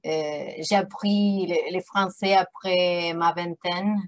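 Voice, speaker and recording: A woman with a non-native French accent presents her academic research slowly, often repeating words and filling pauses as she goes. Her voice sits a little low, and the close sound of a video call carries it. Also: steady tone. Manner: halting, repeats words, frequent fillers. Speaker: guest speaker, anthropologist.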